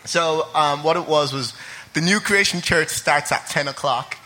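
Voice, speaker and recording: A man's voice: on the high side, moderate pace, sharp tone. A young man from Ireland, sharing his testimony at a church service in a chatty way full of fillers and laughter, then reading scripture.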